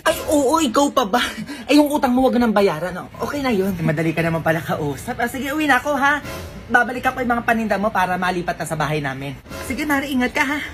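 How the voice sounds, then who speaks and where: A woman's voice: fairly high pitch, big pitch swings, fast talker. A woman acting out comedy skits, chatty and gossipy, playing every role. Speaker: comedy skit creator. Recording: music playing behind.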